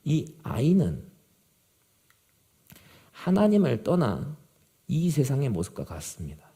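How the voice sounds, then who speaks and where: A male pastor preaching a sermon to a youth group, swinging from loud, urgent emphasis to low, quiet gravity. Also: wildly swooping pitch, slow.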